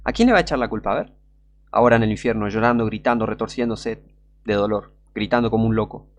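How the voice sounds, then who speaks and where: A man's voice: lowish voice, fast talker. A man with a Rioplatense Spanish accent preaching a fervent, scornful sermon full of rhetorical questions. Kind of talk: impassioned street-style sermon.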